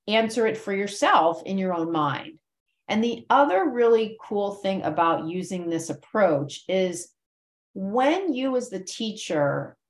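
A woman's voice: mid-range voice, reverberant. A woman who hosts a podcast and trains yoga teachers, explaining cues in a conversational way and acting out her sample cues with shifting inflection. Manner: conversational, uses vocal inflection to demonstrate cues. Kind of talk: teaching talk.

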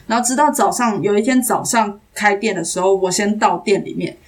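A young Taiwanese woman, an actress guest on a podcast, telling a story in a casual, animated way and acting out the dialogue. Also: mid-range voice, a little fast. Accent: Taiwanese Mandarin. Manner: animated, acts out quoted dialogue.

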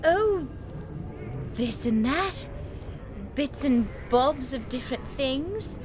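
Woman playing a high, posh, flustered gnome lady. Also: lively intonation, slow, over music. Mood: evasive. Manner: affected, pretentious, hesitant. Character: posh, flustered female gnome with affected airs.

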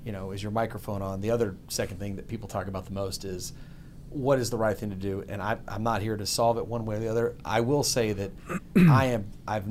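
A man from Texas hosting a casual chat, telling stories with lively voice mimicry. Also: fairly low pitch, a little fast, slight background noise. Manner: animated storyteller, mimics voices.

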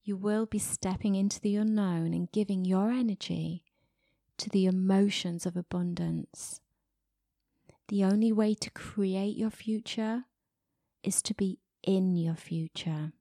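A woman podcast host giving a slow, soothing guided meditation, sometimes dropping to a whisper. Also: medium pitch, fairly even intonation, dark tone, no echo, clean studio sound.

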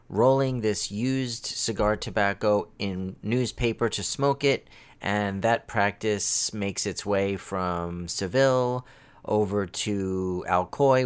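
A man hosting an interview, laying out background and asking measured follow-up questions. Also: lowish voice, clean tone, no room sound. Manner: measured, reads notes and asks follow-up questions. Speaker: podcast host.

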